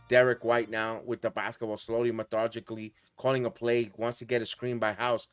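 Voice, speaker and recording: A man hosting a live watch-along, calling play-by-play in quick bursts that rise on big plays and talking to chat viewers by name. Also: mid-range voice, fairly bright tone. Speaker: host and play-by-play caller.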